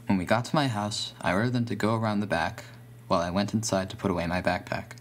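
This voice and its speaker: Under a faint background hum, a man narrates a scripted horror story at a fast pace, his deep, low voice holding a steady tone as the storyteller.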